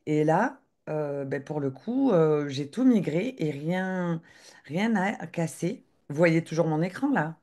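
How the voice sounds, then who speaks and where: A woman giving a live software demo on a video call, talking hesitantly with lots of filler sounds and restarts. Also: deep voice, expressive, takes it slowly.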